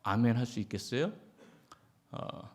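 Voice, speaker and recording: A man's voice: mid-range voice, expressive, measured pace, a little mellow. Korean male pastor preaching conversationally. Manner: conversational preaching with acted quotes and rhetorical questions. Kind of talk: sermon.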